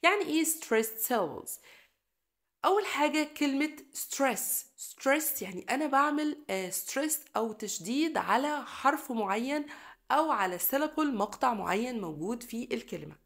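Egyptian lady teacher, kinda high voice with lots of vocal fry, repeats words twice for the kids. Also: animated, normal speed, fairly bright tone. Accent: Egyptian Arabic. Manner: patient, repeats each word twice; encouraging, addresses pupils fondly. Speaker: English teacher. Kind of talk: recorded lesson for children.

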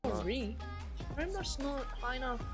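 A woman's voice: sits high, lively intonation, a little slow, music in the background. A woman streamer chatting and teasing her teammates while gaming, laughing often. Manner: giggly, teasing. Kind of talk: casual gaming chat.

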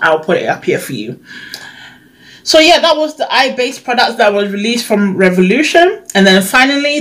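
Young woman w a lisp like shes got a retainer in, medium pitch, chatty beauty vlog style, kinda thinking out loud. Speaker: beauty vlogger. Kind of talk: casual chat, product review. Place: bedroom, indoors.

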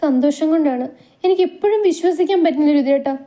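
A woman voicing a shy, affectionate young wife in a storybook reading, raising her voice brighter and higher for her. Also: fast talker, lightly acted. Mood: joyful tears.

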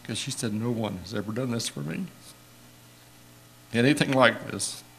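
A man's voice: medium pitch, normal speed, creaky, fairly bright tone. An older man, a church elder, telling rambling, emotional stories in a folksy sermon and chuckling often. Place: church sanctuary.

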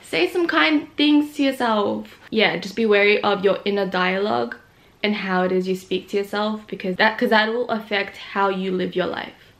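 This young woman chats straight into a nearby camera from her bedroom, easygoing and talkative. She leans on fillers like "like" and "literally" and laughs between thoughts. The voice sits at an ordinary pitch for a woman. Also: fairly even intonation, normal speed, fairly bright tone. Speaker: vlogger. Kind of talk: casual chat to camera. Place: small bedroom indoors. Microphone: camera in front of her face.

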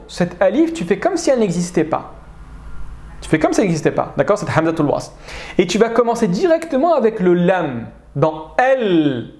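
A man leads an online grammar lesson in a high, animated voice that rises and falls freely. He checks in with his students again and again as he explains. The sound carries a noticeable echo from the room. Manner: animated, checks understanding with frequent "d'accord?". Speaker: Arabic teacher. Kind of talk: live online grammar class.

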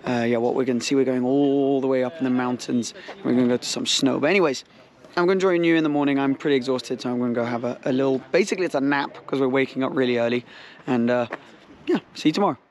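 This car vlogger, a young adult man, has a mid-range, slightly mellow voice as he chats casually and cheerfully to a handheld action camera at arm's length. Filming a travel vlog in the car and outside, he lets his voice drop at the ends of phrases, with car and road noise in the background.

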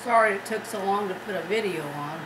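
A woman's voice: medium pitch, a little fast. Echoey, casual middle-aged woman at home. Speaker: video host and challenge participant. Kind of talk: casual chat while eating. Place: indoors in a home dining room. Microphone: camera a short distance away. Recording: echoey room with clear background noise.

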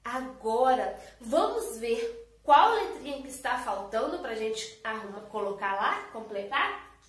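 A Brazilian Portuguese-accented woman, a kindergarten teacher, gives a slow, sing-song, encouraging online lesson to young children. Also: a little high, big pitch swings. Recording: very echoey room.

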